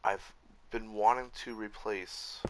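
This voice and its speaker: A man's voice: lowish voice, fairly even intonation, slow pace, heavy background noise. A man giving casual, frustrated commentary while rebuilding a game map, swearing often and correcting himself as he goes. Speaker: Minecraft YouTuber.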